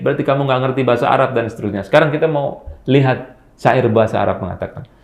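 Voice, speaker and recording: A man teaching a religious study class, reciting Arabic verse slowly, mixing in Arabic words and quizzing his listeners with quick questions. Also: mid-range voice, roomy sound. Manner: mixes Arabic words into speech. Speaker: Islamic teacher. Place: study room at an organization office.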